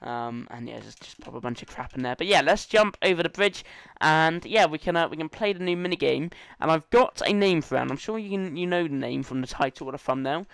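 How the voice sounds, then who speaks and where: A man talks his way through a gaming session in casual let's-play commentary, excitable and playful as he chats with the other players. His voice sits a little high and sounds smooth and clear. The recording is close and dry. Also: fairly quick, no room sound. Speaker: gaming channel host.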